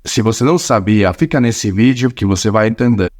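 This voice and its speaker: Croatian-accented man, low voice. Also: expressive, brisk, a little mellow. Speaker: channel host. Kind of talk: scripted explainer vlog. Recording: faint music underneath.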